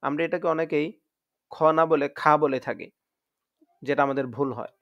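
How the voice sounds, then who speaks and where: A man teaching Quran reading in a recorded lesson, with a Bangladeshi Bengali accent. He says each letter slowly three times so listeners can repeat after him. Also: on the high side, creaky, no echo, highs cut off.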